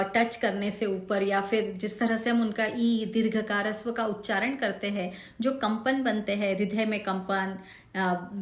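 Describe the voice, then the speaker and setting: A woman with a mid-range voice guides listeners through careful pronunciation of a devotional hymn in a recorded online class. She speaks slowly and patiently, stretching out each example word, and the sound is reverberant.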